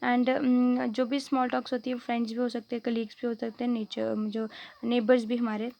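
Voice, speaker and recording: A woman teaching a grammar lesson in Hindi mixed with English, with frequent fillers, who reads out the English phrases slowly and carefully. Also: on the high side, level tone, vocal fry, dull audio.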